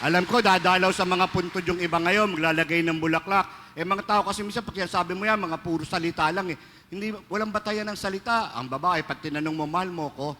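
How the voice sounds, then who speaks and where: Preaching in a large church, a priest with a Filipino accent tells jokes and stories, switching between Filipino and English. His high-pitched voice is fast, pushed and bright, and the reverberant hall carries faint ambience and slight noise.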